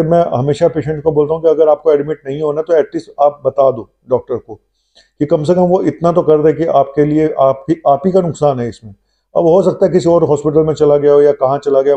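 A middle-aged man, a doctor, talking to the camera from his clinic about a case on a lapel mic, measured and thinking aloud with "uh" pauses. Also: a little high, dark tone, dull audio. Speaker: doctor hosting his own health channel. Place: indoor clinic room. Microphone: lapel mic, seated facing the camera.

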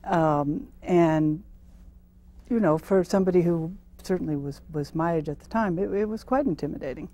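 Brief: middle-aged woman, low mellow voice, panel guest, thoughtful and halting. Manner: thoughtful, hesitant with many fillers. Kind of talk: recounting experiences in a panel discussion. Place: TV studio with audience.

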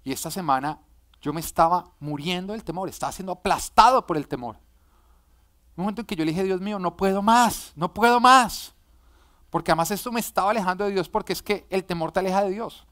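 A young man preaching as a pastor, swinging between loud urgent pleas and quiet, confessional storytelling. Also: high voice, fast talker. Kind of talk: sermon.

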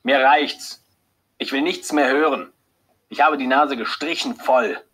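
A man reading an audiobook, voicing a hot-tempered, jealous husband who speaks loudly in short, clipped bursts, with a husky voice. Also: medium pitch, moderate pace, pitched above the performer's own voice. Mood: enraged. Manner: loud, clipped and furious. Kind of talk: audiobook character voice.

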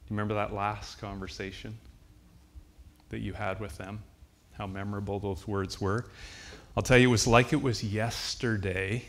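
A man in his sixties preaches with a somewhat low voice. He tells his story earnestly and from the heart. He slows down to lean on key phrases. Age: 60s. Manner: earnest, heartfelt storytelling with slow, emphatic repetitions. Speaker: pastor. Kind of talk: sermon.

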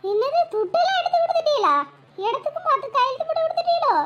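A woman's voice: very high-pitched, fairly quick, fairly bright tone, dull audio. A woman voicing a nosy, scheming young village woman, prying and gossipy. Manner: prying, gossipy, mock-soothing.

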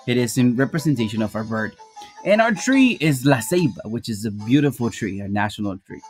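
A Guatemala-born math teacher with a mid-range, expressive voice gives his students a casual slide presentation. He's friendly, calls them "you guys," and explains things slowly and plainly. Marimba music plays softly in the background.

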